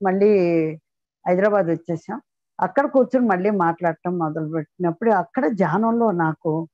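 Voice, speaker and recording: A woman's voice: on the high side, dry recording, muffled recording. A woman sharing her meditation experiences as a story, with frequent fillers and restarts. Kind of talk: personal spiritual testimony.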